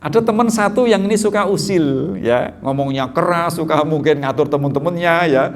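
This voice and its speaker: A middle-aged man giving an Islamic study lecture in a lively, joking way, acting out children's voices. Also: on the high side, fairly quick. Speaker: preacher.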